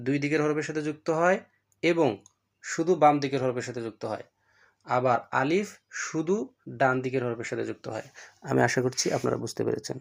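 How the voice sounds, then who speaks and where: A man, teaching a recorded lesson on reading Arabic letters, calling out letter names loudly and then explaining them calmly. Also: a little high, creaky.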